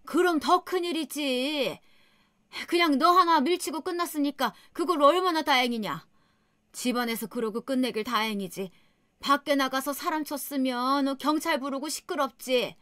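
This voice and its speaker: A woman voicing a harsh older mother-in-law who berates and belittles in a shrill, contemptuous way. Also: normal speed, a bit bright, no room sound, clean studio sound. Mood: dismissive scolding.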